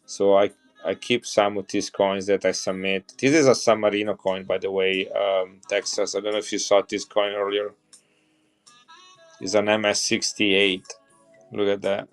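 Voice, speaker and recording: Soft music plays behind a middle-aged Italian man whose lowish voice barely shifts in pitch at a moderate pace. With his Italian accent, he casually and enthusiastically chats to live-stream viewers as he shows and sells coins.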